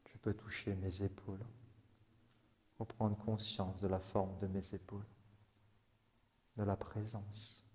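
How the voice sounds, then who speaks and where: A man leading a guided body-awareness and breathing exercise, giving slow, calm instructions in the first person. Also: fairly low pitch. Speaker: relaxation guide.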